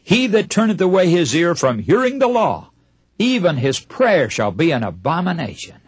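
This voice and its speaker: Animated male radio preacher, husky edge. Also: high-pitched, normal speed, dry recording, clean studio sound. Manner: emphatic, rhetorical questions to listeners; acts out short imagined dialogues. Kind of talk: broadcast Bible sermon.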